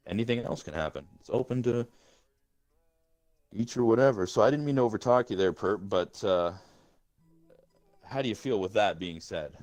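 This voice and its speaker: With a fairly low, darkish voice and no room sound, a gaming community leader rambles through casual voice-chat talk with his group. He swears and keeps restarting his words.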